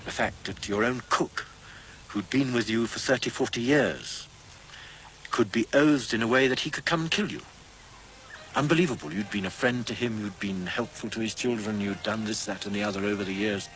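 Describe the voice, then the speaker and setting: A man's voice: fairly low pitch, moderate pace, a bit bright, low-quality recording. A man speaking earnestly in an interview, stressing his disbelief at the past. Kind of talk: interview recollection.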